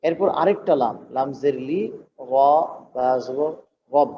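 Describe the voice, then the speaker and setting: A man, an imam, teaching Quran recitation in a slow, patient lesson. His voice sits a little high and moves at a very unhurried pace. The recording is dull and lo-fi, with a faint hiss behind him. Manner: slow, patient explanation, with verses chanted long and drawn out.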